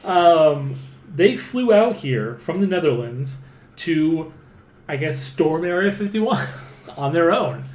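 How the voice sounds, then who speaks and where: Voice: medium pitch, lively intonation, slow, darkish tone. Rambling, swearing podcast host in a roomy space. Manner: rambling, swearing, filler-heavy. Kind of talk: casual podcast chat. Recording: roomy with faint noise.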